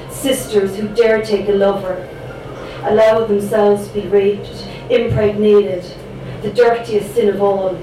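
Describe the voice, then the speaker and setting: At a spoken word poetry performance, a young woman with a Cork Irish accent delivers her pieces in a rhythmic, dramatic way, slipping in casual chatty asides. Her voice sits mid-pitch. Recorded from afar, it echoes heavily around the room over background noise.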